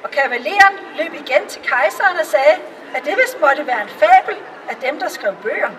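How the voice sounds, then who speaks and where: A woman reading a fairy tale aloud in a calm storytelling manner. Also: high voice, distant mic, a faint crowd, a little hiss or hum, poor audio. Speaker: reader.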